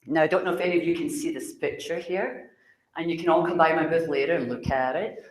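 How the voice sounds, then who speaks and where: A woman from Glasgow with a Scottish accent, giving a chatty talk to an audience as a psychic speaker, speaking loudly and laughing often. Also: deep voice, steady tone, fast talker, reverberant. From Scotland.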